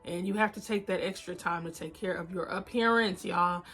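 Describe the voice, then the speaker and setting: A woman's voice: fairly low pitch, fairly bright tone. Candid woman in her thirties vlogging. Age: 30s. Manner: candid, unhurried, addresses viewers as y'all. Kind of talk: casual confessional chat to viewers. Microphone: phone camera.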